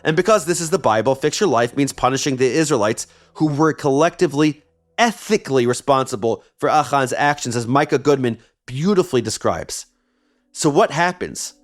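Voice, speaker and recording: A man's voice: medium pitch, expressive, moderate pace. A man hosting a history podcast, narrating a script with wry, conversational asides. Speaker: podcast host.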